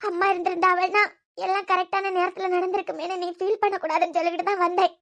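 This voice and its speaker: A woman with a Kanyakumari Tamil accent voicing a grieving young wife who talks softly and tearfully in a cartoon series. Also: very high voice, level tone, fast. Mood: sorrowful. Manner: soft, tearful pleading. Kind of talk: cartoon web series dialogue.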